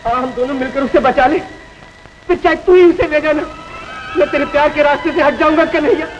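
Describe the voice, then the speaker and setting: A hot-headed young village man, high and lively, muffled old film sound. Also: a little fast, soft background music. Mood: pleading. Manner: fiery, challenging, pleading. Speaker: film lead. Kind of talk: 1950s film acting. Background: film score.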